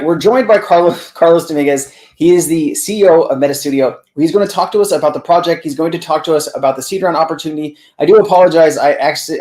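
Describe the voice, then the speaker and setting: A man's voice: a little high, a little mellow. A man hosting a crypto livestream interview in an informal, stammering tech bro manner. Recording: echoey, roomy sound.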